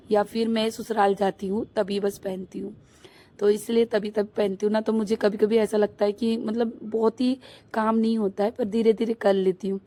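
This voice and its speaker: Hoarse woman chatting on a rooftop. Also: medium pitch, mellow. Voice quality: thick, husky voice. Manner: chatty, rambling, many fillers. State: hoarse from a cold. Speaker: vlogger; housewife and mother. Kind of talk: casual vlog chat. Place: rooftop outdoors.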